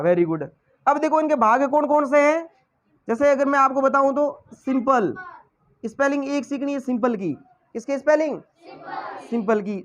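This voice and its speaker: A man's voice: very high voice, dull audio, a little hiss or hum. A male teacher giving a lesson, quizzing the class with repeated questions and then answering them himself. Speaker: English teacher.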